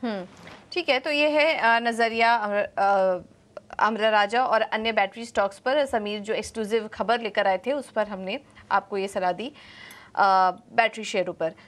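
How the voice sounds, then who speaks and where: A woman's voice: medium pitch, unhurried. A woman anchoring a business news show in a TV studio, hesitant, with many fillers. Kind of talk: anchoring viewer call-ins.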